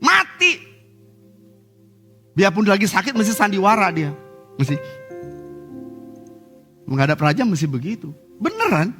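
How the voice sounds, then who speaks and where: Male pastor, humorous animated preacher, high voice, recorded in a reverberant church hall. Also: moderate pace, pauses often. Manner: lively preaching with humor and acted-out quotes. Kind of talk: sermon. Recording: church service with hall reverb and faint music.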